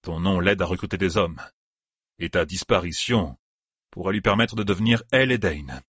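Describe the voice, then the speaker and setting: A man voicing a handsome young swordsman who talks in a smooth, ironic way. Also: low-pitched, normal speed, a bit bright, no echo, clean studio sound. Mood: uneasy.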